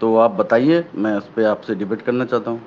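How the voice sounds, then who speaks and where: A man calling in over the phone to a live debate stream, speaking politely and in a measured way, stopping to apologise before he asks his own questions. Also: lowish voice, fairly even intonation, a little mellow. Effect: over a phone line. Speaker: caller. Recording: muffled lo-fi call line with faint background noise.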